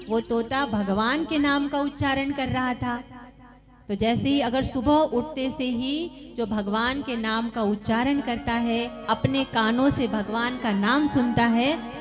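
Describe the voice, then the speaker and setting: A woman telling a moral story to students at an ashram camp, often asking her listeners questions and repeating the answers. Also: a little high. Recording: music playing behind the voice.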